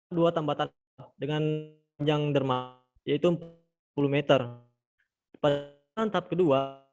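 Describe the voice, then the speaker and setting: A man giving an online project presentation, speaking haltingly while his audio breaks up over a bad internet connection. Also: on the high side. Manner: halting, hesitant delivery. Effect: choppy audio over a bad internet connection. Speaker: student presenter. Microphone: video call.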